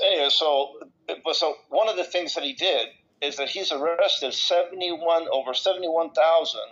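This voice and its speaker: Speaking casually and impromptu in a group discussion, a Salvadoran participant talks about personal things in a halting, rambling way, repeating words and dropping thoughts midway. His voice is a little high and a bit bright, recorded in slightly dull lo-fi sound.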